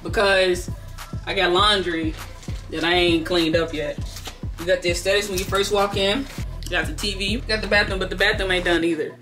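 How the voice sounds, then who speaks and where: A woman's voice: on the low side, fairly even intonation, moderate pace, roomy sound, music in the background. A woman in her thirties giving a laid-back, chatty house tour to her viewers on a handheld camera. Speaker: vlogger. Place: indoors and backyard of a house.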